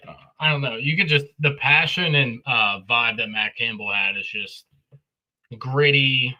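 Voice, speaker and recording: A man's voice: mid-range voice, unhurried, highs cut off. A man co-hosting a sports podcast, giving eager, opinionated takes in casual talk. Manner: enthusiastic, opinionated. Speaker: podcast co-host.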